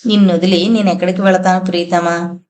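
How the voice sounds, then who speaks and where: A woman's voice: fairly low pitch, level tone, brisk, lightly acted. A woman voicing a seductive, possessive female spirit. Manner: soft, coaxing, whispery.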